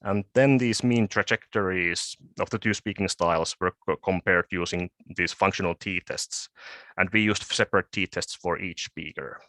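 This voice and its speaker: Halting low-voiced man presenting research. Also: sharp tone, dry recording. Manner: halting, with frequent word repeats and restarts. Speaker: conference presenter. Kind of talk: academic conference presentation.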